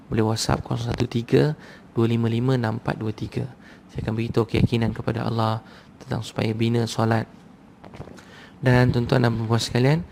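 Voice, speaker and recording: Gravelly Malaysian preacher addressing a crowd. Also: male voice, medium pitch, darkish tone, a little hiss or hum. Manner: conversational, repetitive, urging the crowd. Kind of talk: sermon to a live audience.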